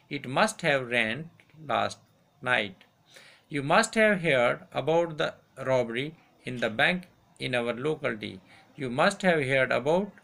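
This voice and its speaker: Gravelly male teacher dictating grammar. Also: on the high side, sharp tone. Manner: repeats each example sentence slowly, switches to Hindi to explain. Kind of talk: grammar lesson, read aloud and repeated.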